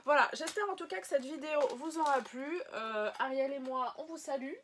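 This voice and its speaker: A woman's voice: sits high, brisk, slight background noise. A woman chatting casually as she unboxes items for her viewers, rambling a little, with many fillers and self-corrections. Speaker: unboxing vlogger. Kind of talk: casual chat showing items to camera.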